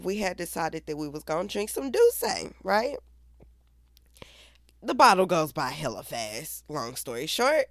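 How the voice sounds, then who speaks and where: A woman's voice: mid-range voice, no room sound, studio quality. A young woman hosting her own podcast, hung over and drowsy, talking in a casual, profane way and laughing as she speaks to her listeners. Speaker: podcast host.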